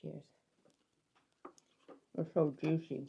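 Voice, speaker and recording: A woman's voice: low voice, little pitch movement, extremely slow, vocal fry, lo-fi sound, background noise. A young woman, the host's daughter, chatting playfully as a guest and repeating phrases for fun. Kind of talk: casual chat.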